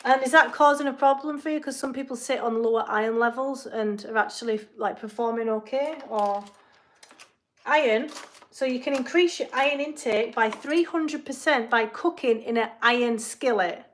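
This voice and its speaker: There's slight background noise as this fitness coach, who has an English accent, speaks at a moderate pace in a fairly high voice. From her home kitchen she runs a casual live Q&A, chatty and rambling, with asides as she cooks.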